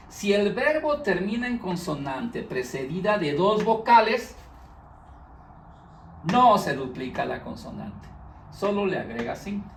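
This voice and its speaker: A man's voice: a little high, creaky, recorded from a distance, slight background noise. A man teaching an English grammar lesson, explaining rules patiently and repeating them, stressing each English word. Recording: echoey room, voice off-mic.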